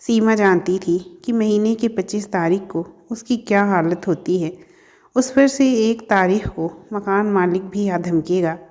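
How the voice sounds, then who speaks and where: A woman's voice: medium pitch, a little slow, darkish tone, long reverb tail. A woman telling a family story in scripted narration, speaking to her listeners as friends. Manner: reads all characters in her own voice, addresses listeners as friends.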